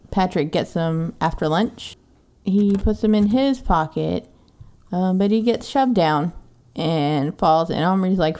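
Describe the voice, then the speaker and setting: A woman's voice: on the low side, mellow. Sarcastic woman recapping a book. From Texas. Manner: profane, sarcastic. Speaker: podcast co-host.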